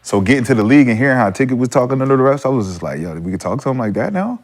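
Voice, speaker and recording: Animated man telling locker-room stories. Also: mid-range voice, racing. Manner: animated storyteller, acts out quotes. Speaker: podcast co-host, former player. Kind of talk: casual sports chat.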